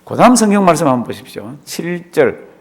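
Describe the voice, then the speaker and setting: A man's voice: fairly high pitch, very animated, fast, husky. A man, a pastor, teaching a Bible study class, asking the class questions, answering them himself and repeating key words for emphasis. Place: church classroom.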